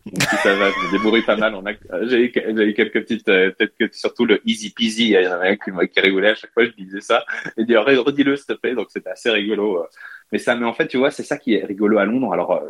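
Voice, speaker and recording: A man's voice: fairly low pitch, fairly even intonation, fast talker, fairly bright tone, husky. A man from France, a startup co-founder, chatting casually as an interview guest, with lots of restarts and fillers. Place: London.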